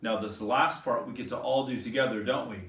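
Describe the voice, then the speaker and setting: A man teaching an online music lesson to young children, gentle, encouraging and playful. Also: medium pitch, steady tone, brisk. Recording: echoey room, voice a bit distant. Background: acoustic guitar.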